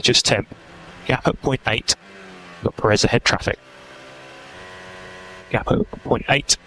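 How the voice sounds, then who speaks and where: Over a crackly team radio link, a race engineer issues short, procedural commands. His voice is medium in pitch, bright and forceful.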